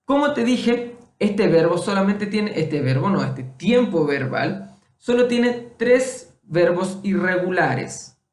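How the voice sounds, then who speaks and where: A man's voice: high-pitched, roomy sound. A man teaching a casual Spanish lesson, patiently repeating and checking in with the listener. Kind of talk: casual online Spanish lesson for Portuguese speakers.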